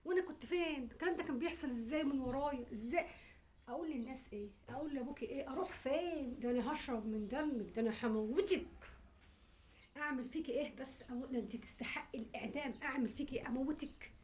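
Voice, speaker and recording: A woman's voice: sits high, a little mellow, slight background noise, lightly acted. A woman playing a frantic Egyptian mother. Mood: frantic scolding. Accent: Egyptian Arabic. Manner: pleading prayers and rapid scolding questions. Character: frantic, furious middle-aged mother scolding her daughter.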